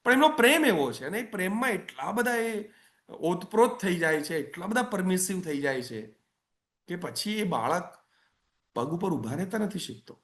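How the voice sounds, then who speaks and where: A man's voice: high voice, very animated, moderate pace, fairly bright tone. A man giving a parenting webinar talk, conversational and coaxing, repeating phrases for emphasis. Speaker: parenting coach.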